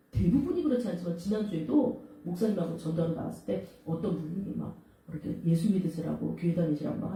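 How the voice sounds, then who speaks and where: A woman's voice: lowish voice, vocal fry, dark tone. A woman preaching a sermon, retelling a story vividly and asking the congregation rhetorical questions. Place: church sanctuary. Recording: very echoey hall, mic far off.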